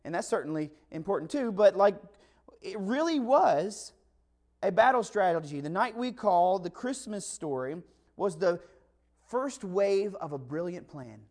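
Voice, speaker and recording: A man's voice: high voice, darkish tone. A man preaching a conversational Christmas sermon, emphatic and full of rhetorical questions. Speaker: pastor.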